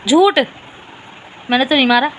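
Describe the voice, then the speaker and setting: A woman's voice: sits high, moderate pace, fairly bright tone, slight background noise. A young woman vlogging at home, talking with her small daughter and the viewers, by turns coaxing and scolding. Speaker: vlogger and mother. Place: home, indoors.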